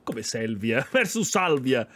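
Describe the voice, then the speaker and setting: A man's voice: mid-range voice, big pitch swings, slow pace, a bit bright. A man from Bologna streaming live, reacting to a clip and laughing often. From Bologna, Italy.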